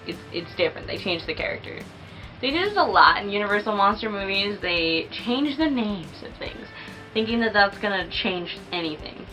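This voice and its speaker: A woman's voice: lowish voice, fairly bright tone, poor audio. A young woman chatting casually and enthusiastically as she reviews a movie, peppering her talk with fillers.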